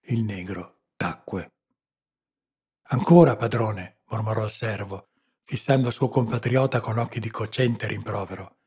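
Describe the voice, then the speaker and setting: Male audiobook narrator, grave and measured, slightly raspy. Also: lowish voice, a little mellow.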